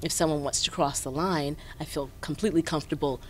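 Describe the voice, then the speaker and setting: A woman stage actor in a casual interview, animated and laughing as she talks. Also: quick pace, a little hiss or hum. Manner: animated, laughing, jumps in pitch.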